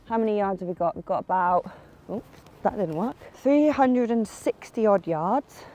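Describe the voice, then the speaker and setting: A woman's voice: mid-range voice, normal speed, dark tone. Chatty young woman vlogging her golf round. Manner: chatty, self-mocking, talks to herself about each shot. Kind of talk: casual running commentary while playing golf. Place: outdoors on a golf course.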